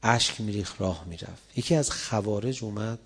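A man giving a colloquial religious sermon, telling stories in a conversational way and building up to loud, impassioned passages. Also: fairly low pitch, slightly rough. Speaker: preacher.

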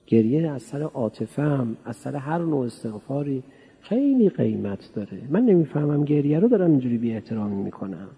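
This cleric's voice is lowish, dark in tone and slightly rough. Speaking in a reverberant hall, he delivers a sermon in a conversational, playful manner, frequently putting questions to the audience.

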